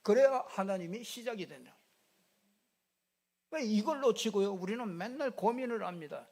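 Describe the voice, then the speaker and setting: The man's high, slightly mellow voice has some vocal fry and an animated delivery at a moderate pace. He's a middle-aged pastor preaching conversationally in a church sanctuary, cracking jokes, repeating fillers, and mimicking regional speech.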